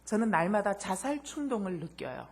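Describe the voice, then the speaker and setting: A woman voicing a despairing young woman who slowly confesses her hopelessness. The voice is husky and subdued. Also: mid-range voice, very animated.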